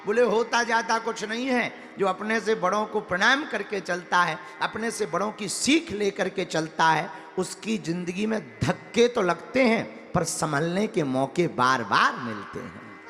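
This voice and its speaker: High-voiced preacher in an echoing hall. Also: male voice, expressive, a little slow, fairly bright tone, soft background music. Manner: folksy, teasing, sing-song verses. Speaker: religious preacher. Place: large hall with an audience.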